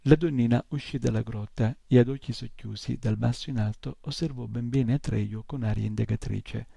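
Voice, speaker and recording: Gravelly, dark-voiced male reader. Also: mid-range voice, normal speed, no room sound. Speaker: audiobook reader. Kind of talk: novel read aloud.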